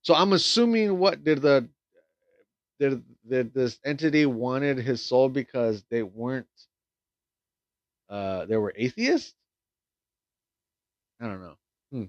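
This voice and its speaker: A man's voice: mid-range voice, animated, slow pace, pauses often, dry recording, dull audio. A man casually recapping a film in a rambling way, swearing freely and stumbling through lots of fillers and restarts. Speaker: film reviewer.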